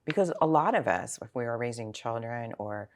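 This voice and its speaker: With a bass voice that is animated and brisk, a sixty-year-old financial planner explains things informally in conversational interview answers. She uses examples and rhetorical questions along the way.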